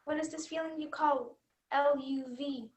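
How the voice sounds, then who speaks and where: A woman's voice: sits high, steady tone, moderate pace, slight background noise, lightly acted. A woman playing an earnest, dutiful robot vacuum in a scripted stage comedy, with formal robotic phrasing. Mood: shyly confiding. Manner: formal robotic phrasing, spells words out letter by letter. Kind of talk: scripted youth theater comedy acting.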